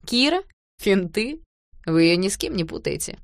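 A woman voicing a young man, a wry husband who grows uneasy, cracking ironic jokes in a slightly lowered voice. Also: very animated, normal speed, vocal fry, no echo, studio quality. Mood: wry, alarmed.

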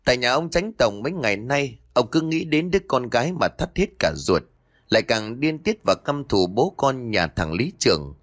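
A man telling a ghost story, building suspense with a dramatic delivery and a pitch that rises and falls freely. The sound is dry and close to a studio mic. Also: sing-song, moderate pace, no echo.

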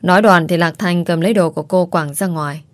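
A woman narrating a dramatic story in a steady reading voice. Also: lowish voice, brisk, dry recording.

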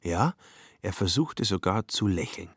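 Low-voiced male radio-play narrator. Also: lively intonation, unhurried, vocal fry, husky, no echo, studio quality.

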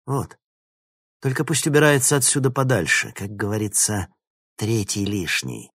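A man's voice: fairly low pitch, sing-song, moderate pace, a bit bright, breathy edge, no echo, studio quality, pitched above the performer's own voice, heavily acted. A male narrator voicing a bitter, vengeful young woman villain with a sneering, spiteful manner.

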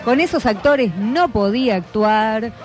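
A woman's voice: a little high, animated, measured pace, faint music behind. A woman hosting a radio show, chatting casually with children and often checking in with short questions. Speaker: radio host. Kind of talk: casual interview with schoolchildren.

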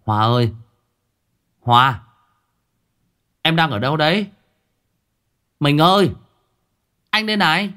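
A man doing a young village groom in a panic, his voice leaping high as he cries out for his missing bride. The calls are wailing and anxious, pitched well above the storyteller's usual voice, in a spoken-story telling. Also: big pitch swings, fairly quick, vocal fry, darkish tone, exaggerated voice. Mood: frantic.

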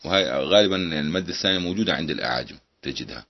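A man's voice: extremely low pitch, lively intonation, rapid-fire, muffled recording. A man teaching Islamic jurisprudence, reading a legal text aloud and explaining it to students.

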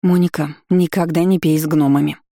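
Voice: mid-range voice, fairly even intonation, a little fast, dark tone, no echo, clean studio sound, lightly acted. Reader as a sheepish, flustered young heroine. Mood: glum. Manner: hesitant, sheepish, glum.

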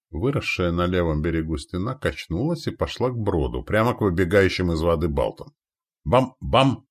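A man narrating a battle story dramatically in an audiobook. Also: low voice. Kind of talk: scripted narration.

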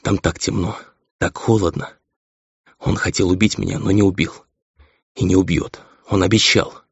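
A man's voice: sits low, steady tone, normal speed, gravelly, husky, no room sound, exaggerated voice. A man voicing a frantic raving young son. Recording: dull lo-fi dry recording.

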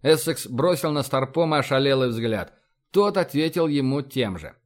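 A man narrating an audiobook in an even storytelling delivery. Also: medium pitch, normal speed.

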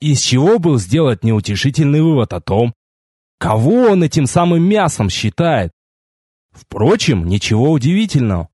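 A man reading a first-person fantasy novel aloud with wry, lively storytelling. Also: mid-range voice, normal speed, breathy edge, no echo, clean studio sound. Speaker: audiobook narrator.

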